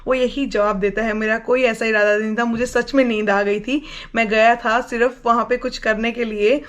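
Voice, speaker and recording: A young woman from India with a somewhat high voice tells a personal story in a loose, chatty way. She drifts between languages mid-sentence and keeps a relaxed, conversational flow. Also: normal speed, lo-fi sound. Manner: chatty, mixes in English phrases. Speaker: vlogger telling her love story. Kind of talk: casual storytelling.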